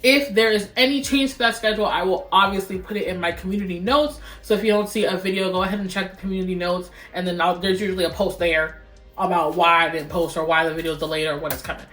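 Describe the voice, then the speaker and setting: A woman's voice: on the low side, steady tone, quick pace, fairly bright tone. A young woman vlogging casually to camera, playful and sing-songy, breaking into little chants. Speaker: YouTube vlogger. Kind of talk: casual vlog chat to camera. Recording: roomy echoey room.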